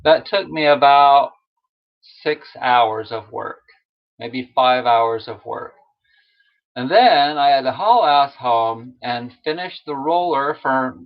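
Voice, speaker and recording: A man from Utah chatting casually on a live stream, rambling from topic to topic and laughing at himself. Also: medium pitch. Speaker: massage tool maker and live-stream host. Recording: dull lo-fi stream audio.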